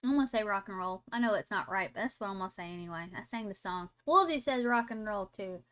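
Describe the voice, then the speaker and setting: A woman's voice: mid-range voice, expressive, quick pace, a bit bright. A young woman hosting a casual livestream, chatting with viewers and reading trivia aloud before riffing on it. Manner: chatty, reads trivia aloud then riffs on it, sounds words out. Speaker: livestream host.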